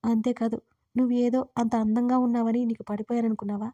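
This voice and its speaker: A woman voicing a gruff, teasing young husband who scolds and jokes in quiet banter. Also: fairly high pitch, flat delivery, fairly quick, no room sound, muffled recording, close to an everyday voice. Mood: affectionate.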